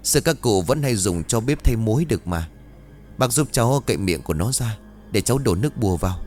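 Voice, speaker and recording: A man's voice: lowish voice, lively intonation, fairly quick, a little mellow, soft background music, close to an everyday voice. A man voicing an earnest young villager who urges and reassures his sick friend. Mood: reassuring. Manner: earnest, urging.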